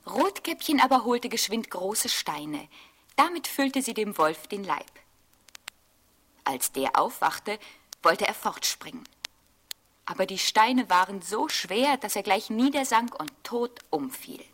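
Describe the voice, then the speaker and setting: A woman reading a fairy tale aloud in a gentle, often whispered storytelling manner. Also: mid-range voice, sing-song, takes it slowly.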